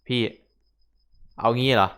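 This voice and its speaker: A man hosting a game video, giving excitable, casual commentary full of laughter and casual swearing. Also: slow pace, noisy background. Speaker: gaming channel host.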